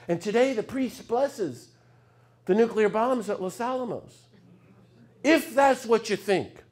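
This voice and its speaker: A middle-aged man with a high-sitting voice gives a public lecture built around stories. He swings suddenly from hushed asides to loud, fired-up passages.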